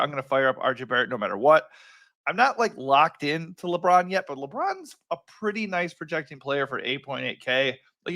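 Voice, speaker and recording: Rough-voiced man rambling through sports picks. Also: medium pitch. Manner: relaxed, rambling, self-correcting with many ums. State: worn, rough voice. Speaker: fantasy sports analyst host. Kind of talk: casual solo picks breakdown.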